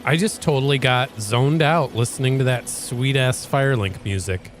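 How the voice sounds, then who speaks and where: A man's voice: medium pitch, moderate pace, faint music behind. A man hosting a let's play, giving casual gameplay commentary in a rambling, hesitant way with frequent restarts.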